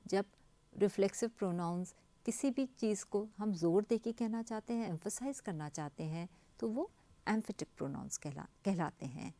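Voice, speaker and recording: Woman teacher, slow and deliberate, very lively intonation, quizzes herself aloud. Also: medium pitch, no room sound. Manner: explains slowly, reads English examples out very slowly; asks and answers her own questions. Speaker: English teacher. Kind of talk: recorded grammar lesson.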